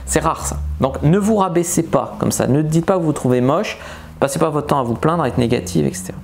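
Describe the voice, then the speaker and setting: A man's voice: a little high, a little fast, gravelly, a little mellow, slight background noise. Blunt, chatty male dating coach. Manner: blunt, colloquial, opinionated. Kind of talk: casual advice video to camera.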